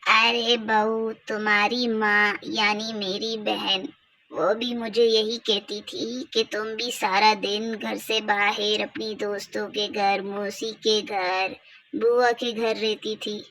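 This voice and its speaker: A woman voicing a stern old grandmother in a doll-play story, speaking slowly and protectively, scolding her daughter-in-law. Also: mid-range voice, little pitch movement, pushed and bright, a little hiss or hum, pitched below the performer's own voice, low-quality recording.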